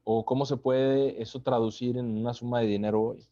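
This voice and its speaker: Guy doing a chatty bible study sermon, mid-pitched warm voice, lots of little tag questions, bit muffled. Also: fairly even intonation. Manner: unhurried, talks to listeners with tag questions and restarts.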